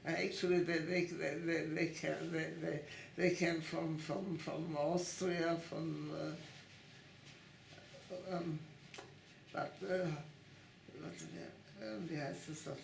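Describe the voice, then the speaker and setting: A woman in her nineties, born in Italy and raised in Italy and Switzerland, recalling her past in an oral history interview at her home, speaking haltingly and restarting often as she searches for words. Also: deep voice, fairly even intonation, creaky, a little hiss or hum. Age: 90s. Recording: roomy echo in a home.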